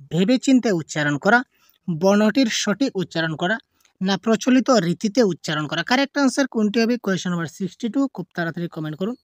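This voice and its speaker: A woman's voice: mid-range voice, darkish tone, no room sound. A woman teaching an online exam-prep lesson, reading multiple-choice questions aloud, drawing out the options and answering them herself. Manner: asks questions and answers them herself, mixes in English terms; drawls options slowly, then gives answers quickly.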